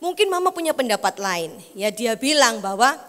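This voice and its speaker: A woman's voice: a little high, very animated, moderate pace, fairly bright tone. A woman preaching a sermon in a church, chatty and conversational, acting out voices of family members in her stories. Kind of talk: sermon with acted-out family anecdotes. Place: church hall. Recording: echoey church hall.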